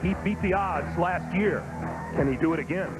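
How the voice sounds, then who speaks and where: A man with a high-set voice narrates a sports broadcast. He booms out scripted lines as a dramatic announcer. Loud music runs behind him. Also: normal speed, low-quality recording.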